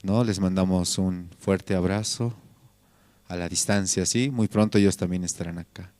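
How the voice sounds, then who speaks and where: A man's voice: deep voice, steady tone, moderate pace, darkish tone, no echo. A man leading a church prayer service in Bolivian Spanish, punctuating each phrase with repeated invocations. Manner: repetitive prayer cadence, frequent "Señor" interjections.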